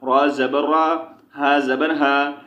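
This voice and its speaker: A man teaching Quran recitation, spelling out each letter and vowel mark before blending the syllables and reciting slowly, with quick spoken asides on where to pause. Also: on the high side, level tone, sharp tone, reverberant. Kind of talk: slow spelled-out recitation lesson.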